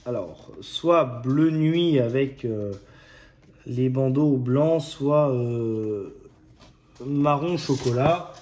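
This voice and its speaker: A man's voice: mid-range voice, very slow, a little mellow. A man casually presenting model kit issues, hesitant and chatty, with frequent fillers and restarts. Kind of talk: casual hobby video narration.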